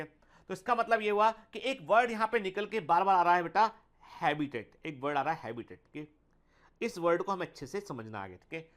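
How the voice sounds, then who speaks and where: High-voiced man teaching biology. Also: fairly bright tone. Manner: mixes Hindi and English, slows to read English lines aloud; calls students "beta", often adds "theek hai". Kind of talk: online exam-prep lecture.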